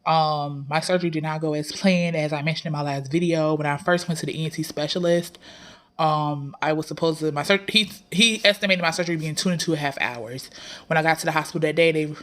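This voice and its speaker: A woman's voice: deep voice, fairly even intonation, quick pace. A woman vlogger giving a casual, conversational personal update, with a congested nasal sound as if her nose is packed.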